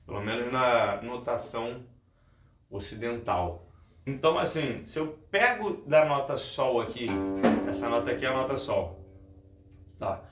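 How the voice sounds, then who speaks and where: A man's voice: mid-range voice, lively intonation, unhurried, long pauses. Man teaching guitar theory. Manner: explains step by step, repeats key points, addresses viewers directly. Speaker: music teacher. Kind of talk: guitar lesson. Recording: roomy, with guitar playing.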